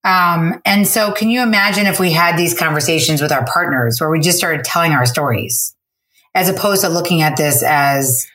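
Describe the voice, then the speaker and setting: A woman hosting a casual conversation, telling stories in an animated way and often speeding up or slowing down. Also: deep voice, echoey room. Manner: animated, storytelling, rapid shifts in pace. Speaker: host.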